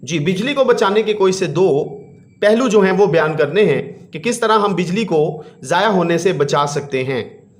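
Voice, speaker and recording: A man teaching a school lesson to children, reading each English sentence slowly and then explaining it in his own language. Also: high voice, animated. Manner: calls listeners children, sing-song stress on English words.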